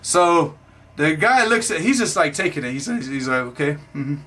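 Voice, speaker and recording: A man from Florida recounts his past in an easygoing, rambling storyteller's voice. His tone sits a little high and comes across bright and forceful, with plenty of fillers and self-corrections. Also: big pitch swings, normal speed. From Florida, USA. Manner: rambling, many fillers and restarts, laughs at himself. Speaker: narrator of his own life story. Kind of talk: casual spoken storytelling.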